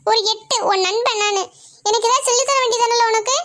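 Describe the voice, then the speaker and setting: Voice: extremely high pitch, fairly even intonation, fairly quick, bright, forceful tone. A performer voicing a jealous teenage schoolboy who grumbles at his friend. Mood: grumbling.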